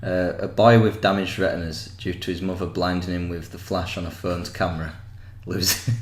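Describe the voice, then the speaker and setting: A man's voice: sits low, flat delivery, moderate pace. A young man with a West Yorkshire accent, co-hosting a podcast in casual chat, swearing freely and laughing often. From West Yorkshire, England. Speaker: podcast co-host. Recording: echoey room with faint noise.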